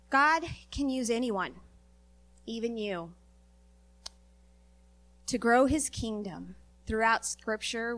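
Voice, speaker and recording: A woman giving an earnest church sermon, a little sniffly from a recent virus and halting at times with fillers. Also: mid-range voice, fairly bright tone. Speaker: lay preacher.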